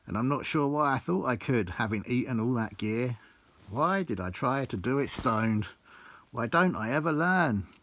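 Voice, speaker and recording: A man with a mid-range, slightly bright voice recites his own rhyming life story at a normal pace, sounding animated. He's the author reading his own book, and his storytelling is theatrical, blunt and full of swearing. The recording is dry.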